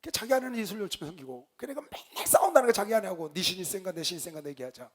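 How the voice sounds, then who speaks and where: A male pastor preaching, telling a story with lively swings between loud outbursts and quiet low asides. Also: rapid-fire, crowd noise. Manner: animated storyteller, shouts quoted lines, drops to low asides. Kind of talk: sermon with storytelling.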